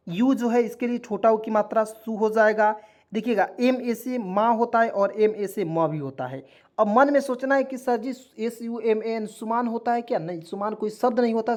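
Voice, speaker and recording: A man's voice: high voice, normal speed. Man, online lesson, spells words letter by letter, repetitive, keeps checking in with viewers, patient. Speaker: online teacher.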